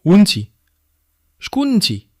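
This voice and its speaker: A man's voice: mid-range voice, very animated, moderate pace, a little mellow, breathy edge. A man voicing a frightened, bewildered young girl in a story, with an anxious, questioning tone.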